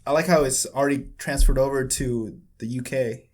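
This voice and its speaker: A young man chats on his podcast in a relaxed, joking way. He swears a lot and keeps breaking into lines from songs. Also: mid-range voice, moderate pace. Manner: swearing, joking, chanting lyrics. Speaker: podcast co-host. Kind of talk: casual chat.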